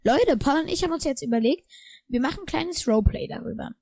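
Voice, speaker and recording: A woman's voice: high voice, animated, fast, a little mellow. A woman hosting a homemade video, bickering and boasting through an improvised role-play.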